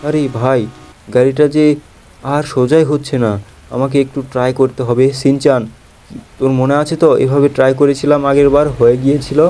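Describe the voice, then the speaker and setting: A young man with a Bengali accent, chatting excitedly as a gameplay host talking to viewers. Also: mid-range voice, fairly quick, faint music behind. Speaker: gaming channel host. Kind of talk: playful gameplay commentary.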